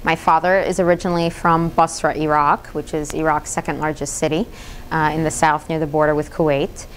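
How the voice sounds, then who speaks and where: A woman's voice: low voice, little pitch movement, brisk, slight background noise. An American woman giving a public lecture with slides, slipping in dry, sarcastic asides. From United States. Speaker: speaker giving a public talk.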